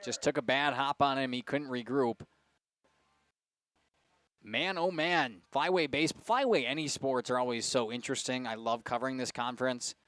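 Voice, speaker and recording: A man's voice: medium pitch, fairly bright tone, no room sound. A man calling baseball play-by-play on a live broadcast, teasing his partner and laughing easily between calls. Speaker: play-by-play announcer.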